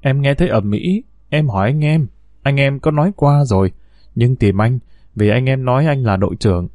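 A man's voice: medium pitch, normal speed, darkish tone, dry recording, clean studio sound. A man telling a first-person ghost story in a tense, earnest way.

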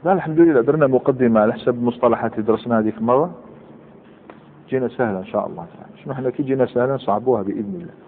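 A man teaches grammar to a class in a medium-pitched voice with lively intonation, reading examples slowly and quizzing students as he goes. The narrow, phone-like recording has long hall reverb and a little hiss or hum.

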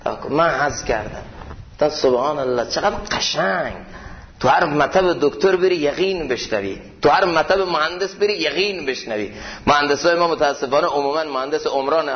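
A man giving a sermon in a mosque, telling anecdotes and slowing down to stress his points. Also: a little high. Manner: storytelling, slows down to stress points. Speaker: preacher teaching classical poetry. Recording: dull lo-fi recording.

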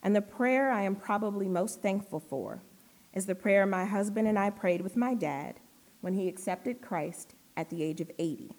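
A woman's voice: mid-range voice, a little mellow. Earnest woman preaching a sermon. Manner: earnest, builds to emphatic slow readings. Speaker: lay preacher giving the sermon.

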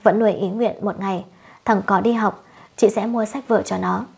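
Woman narrator, husky mid voice, emotional storybook reading. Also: mid-range voice, steady tone, normal speed, darkish tone.

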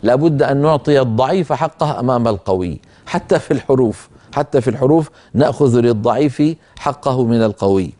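Brief: man hosting a televised recitation lesson, mellow dark tone, patient and explanatory. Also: medium pitch. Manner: calm, explanatory, slows down to demonstrate pronunciation. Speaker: Quran recitation teacher and program host.

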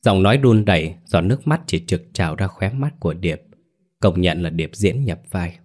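A man narrating a scripted ghost story in a steady storytelling manner with dramatic asides. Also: deep voice, normal speed. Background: faint background music.

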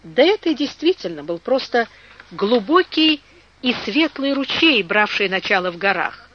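Measured audiobook narrator. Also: medium pitch, big pitch swings, muffled recording, background noise. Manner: measured storytelling. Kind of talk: scripted narration of a classic novel.

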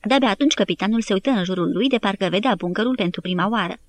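A woman reading an audiobook as narrator, with steady, measured scripted narration. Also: mid-range voice, slight background noise.

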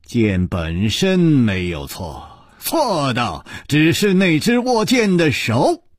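A man voicing a calm, wise male hero who speaks in a measured, reflective way. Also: fairly high pitch, husky, no room sound, clean studio sound, voice pushed up, full character voice.

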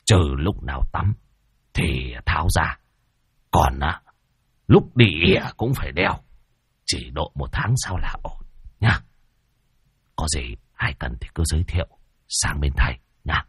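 A man voicing a greedy, cowardly old male shaman who talks in a hushed, stammering, sly way. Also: very deep voice, animated, unhurried, long pauses, slightly rough, no echo, studio quality, voice pushed down, full character voice.

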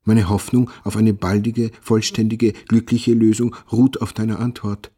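An actor playing a brooding, anxious male writer in a radio play, speaking quietly and with measured melancholy. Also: on the low side, level tone, husky, dry recording, studio quality.

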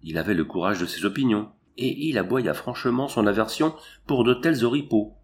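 A man narrating a novel in a measured storytelling manner. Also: lowish voice, expressive. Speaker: audiobook reader. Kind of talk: scripted narration.

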